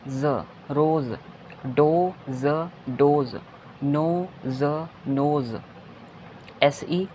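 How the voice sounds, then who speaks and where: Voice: mid-range voice, a little mellow, slight background noise. A phonics teacher giving a kindergarten lesson, spelling out letters one by one and repeating each word. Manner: says "theek hai" between points.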